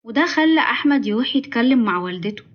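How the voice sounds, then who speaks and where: A woman with an Egyptian accent narrating a family story in a brisk, dramatic way. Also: fairly high pitch, expressive, dull audio. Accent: Egyptian Arabic.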